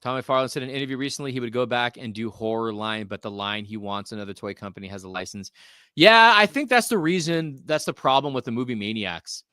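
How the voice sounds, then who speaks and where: Bright-voiced joking podcast host, a man. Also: mid-range voice, lively intonation, fast talker, clean tone, no echo, clean studio sound. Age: 40s. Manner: joking, reads viewer comments aloud. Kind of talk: casual live-stream chat.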